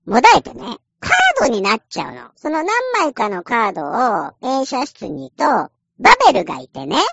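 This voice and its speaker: Female host, casual game chat, playful, highly expressive pitch swings, crackly edges, slightly dull close recording. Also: normal speed, vocal fry, dry recording. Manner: chatty, playful, acts out short quotes.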